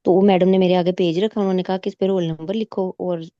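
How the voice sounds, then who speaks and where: A woman's voice: on the low side, quick pace, no room sound, dull audio. A woman recounting her medical exam in casual storytelling, quoting examiners and switching into English medical terms, heard over a video call. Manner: animated retelling, quoting examiners and herself. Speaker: exam candidate sharing her experience. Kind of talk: casual storytelling in a recorded meet.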